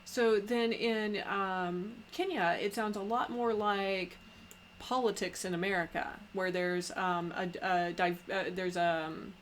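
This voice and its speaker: A woman hosting a podcast in casual conversation, talking haltingly with many pauses and restarts. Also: medium pitch, steady tone, a little hiss or hum. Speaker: podcast host.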